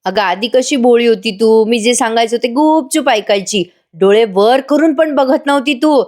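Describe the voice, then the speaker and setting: A woman's voice: fairly high pitch, normal speed, darkish tone, natural voice. A woman voicing a scheming middle-aged male villain who threatens and taunts his wife in a TV serial recap. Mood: menacing.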